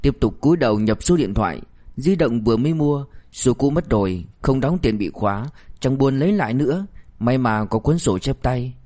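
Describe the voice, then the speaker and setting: A man narrating a novel audiobook with a steady, even storytelling delivery. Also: mid-range voice, normal speed.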